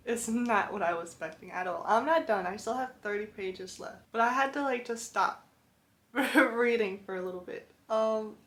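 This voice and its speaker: A woman's voice: a little high, echoey room. A young woman talking casually to camera about a book, rambling and close to tears over how emotional it is. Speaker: book vlogger.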